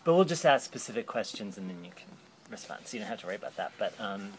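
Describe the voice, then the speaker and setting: A man's voice: on the low side, big pitch swings, fast talker, slight background noise. A man interviewing someone and explaining a book project at length, thoughtful and a little rambling.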